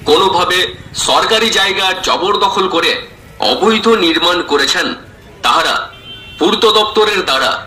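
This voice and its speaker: A man reading out a formal public announcement over a loudspeaker, measured and spoken in short phrases. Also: sits high. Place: outdoors on a street. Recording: echoey outdoor loudspeaker, faint noise.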